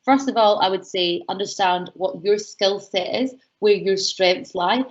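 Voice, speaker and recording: Scottish woman, quick and excitable, online webinar talk, slightly dull call audio. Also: medium pitch. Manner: fast, excitable, with fillers. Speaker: guest speaker.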